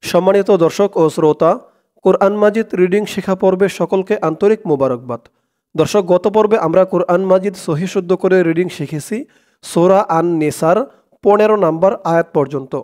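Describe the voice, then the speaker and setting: A man teaching Quran reading, breaking words into syllables and slowly chanting the verses. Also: high voice, a little mellow. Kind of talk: step-by-step recitation lesson.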